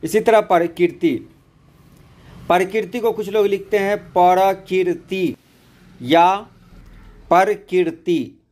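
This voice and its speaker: A man teaching poetry meter in a steady lesson. His voice sits a little high and he talks slowly. He walks through each example patiently and repeats points so students can follow. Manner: slow, patient, explains step by step with repetition. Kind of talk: spoken lesson on Urdu-Hindi poetry meter.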